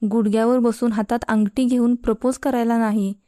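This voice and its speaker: A woman's voice: on the high side, steady tone, a little fast, warm tone, no echo, studio quality, natural voice. A woman voicing a teasing, encouraging young male college student.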